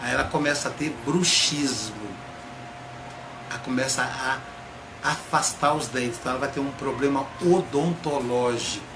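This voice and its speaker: A man, a psychoanalyst, giving a reflective spoken talk and drawing out key words slowly for emphasis. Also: medium pitch. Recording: echoey room, faint background noise.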